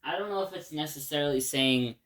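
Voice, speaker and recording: Talking quickly in a somewhat bright, higher-pitched voice, this Ecuadorian vlogger whose native language is Spanish shares a casual reflection with viewers. He keeps saying "guys," rambling, repeating words, and starting over.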